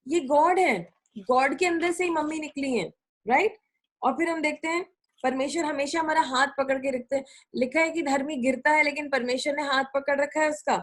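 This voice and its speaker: A middle-aged woman preaching a sermon in a conversational way, repeating her points for emphasis. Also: high voice. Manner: conversational Hindi-English mix, repetitive emphasis.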